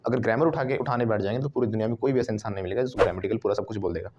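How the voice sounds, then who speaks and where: Animated Indian English teacher drilling a class. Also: male voice, lowish voice, rapid-fire, lo-fi sound, noisy background. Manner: animated, drills students with call-and-response repetition. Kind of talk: classroom lesson. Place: classroom with students.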